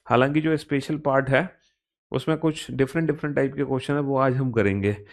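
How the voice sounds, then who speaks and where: A man's voice: medium pitch, fairly even intonation, a little fast. A man with an Indian accent teaching a live online reasoning class, chatty and playful, joking with students between explanations.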